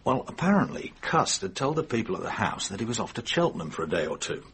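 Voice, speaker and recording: An actor playing a world-weary English Scotland Yard inspector in a radio mystery, colloquial, gossipy and wry. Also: male voice, lowish voice, sing-song, fast, fairly bright tone, a little hiss or hum. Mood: chatty. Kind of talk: radio mystery drama acting.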